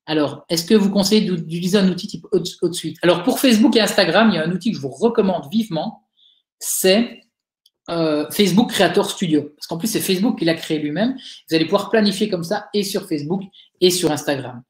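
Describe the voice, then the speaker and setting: A digital agency owner with a Liège Belgian French accent answers audience questions in a live webinar, chatty and encouraging but hesitating often. His voice sits high and brisk, and the webinar audio sounds roomy.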